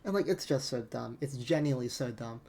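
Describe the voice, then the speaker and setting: A man's voice: mid-range voice, animated, brisk, gravelly, warm tone. A man giving a casual, exasperated rant as gaming commentary, incredulous and prone to swearing.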